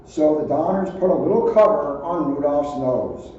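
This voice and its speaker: A police officer reads a children's storybook aloud, tossing in his own offhand asides. His voice sits a little high, with a warm tone and moderate pace. The recording is muffled, very echoey and distant, with faint noise.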